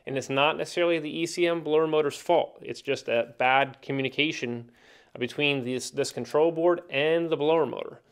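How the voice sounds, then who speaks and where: A man's voice: a little high, a little fast, smooth. A man in his thirties teaching circuit board troubleshooting in a plain, practical way, with the odd filler, from a small training room. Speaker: HVAC instructor. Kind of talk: technical training explanation. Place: indoor training room with whiteboard.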